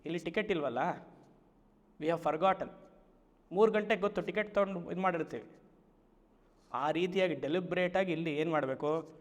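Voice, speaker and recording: A man, a spiritual teacher giving a Vedanta discourse, who stretches key phrases slowly and keeps asking his listeners rhetorical questions. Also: on the high side, in a large hall. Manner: slow, drawn-out emphatic phrases and frequent rhetorical questions.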